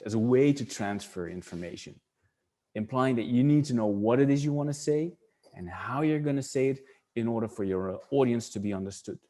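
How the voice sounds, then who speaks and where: A middle-aged man from the Netherlands, speaking with a Dutch accent in a dark, medium-pitched voice, presents an online webinar. He thinks aloud, frequently restarting and repeating words.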